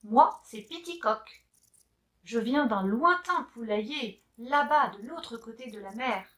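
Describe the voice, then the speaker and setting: Woman doing a kind little red rooster, soft and slow, kinda high, sweet and shy. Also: lively intonation. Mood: friendly.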